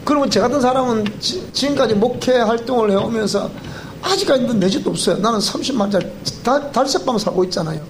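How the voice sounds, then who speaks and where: A male pastor with a Gyeongsang accent giving a joking, animated seminar lecture that quizzes the audience. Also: very high voice, fast, noisy background. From Gyeongsang region of Korea. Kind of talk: sermon-style seminar lecture. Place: church hall.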